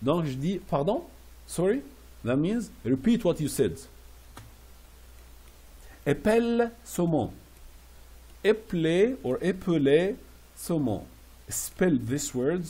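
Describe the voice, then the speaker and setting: Husky dark-voiced guy teaching french phrases, says each one over and over real slow. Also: on the high side, sing-song. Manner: explains French phrases in English, repeating each slowly. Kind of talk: classroom phrase lesson.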